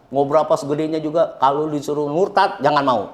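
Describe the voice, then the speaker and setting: A man's voice: on the high side, steady tone, fast, slight background noise. A middle-aged man from Indonesia, a guest talking bluntly and joking as he tells his story. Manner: blunt, joking, laughs often, preachy. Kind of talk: casual chat.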